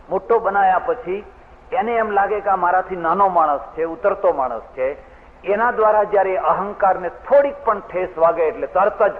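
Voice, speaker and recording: Tinny-sounding male preacher in a hall. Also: high-pitched. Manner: earnest, storytelling with asides. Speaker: spiritual preacher, swami. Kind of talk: devotional sermon storytelling.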